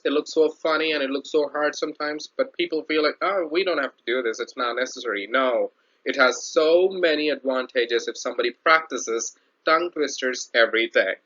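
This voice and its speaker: A man's voice: fairly high pitch, pushed and bright. A man explaining tips as an online English teacher, talking patiently, restarting phrases and repeating his main points. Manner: explains slowly with many fillers and restarts; instructive, repeats key points. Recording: dull lo-fi sound.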